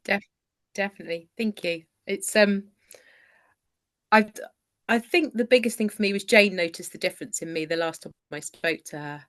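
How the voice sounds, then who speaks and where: A woman's voice: mid-range voice, moderate pace, fairly bright tone. A woman who works as a coach, sharing her experience on a group call in an earnest, hesitant way, with fillers and restarts. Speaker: coach and book club member. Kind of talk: casual group video call.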